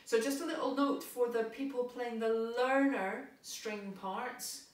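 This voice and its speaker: A woman's voice: fairly high pitch, unhurried. Woman music tutor, upbeat and encouraging, heard from a distance in a very echoey room. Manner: cheerful, encouraging, explains step by step. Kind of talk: friendly instructional talk. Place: unfamiliar large venue.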